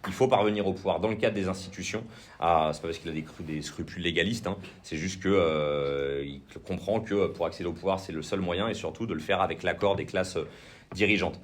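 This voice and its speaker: A man with a deep voice and a French accent speaks a little fast while giving an informal political training talk in an indoor session room. He's hesitant, using many fillers and restarts.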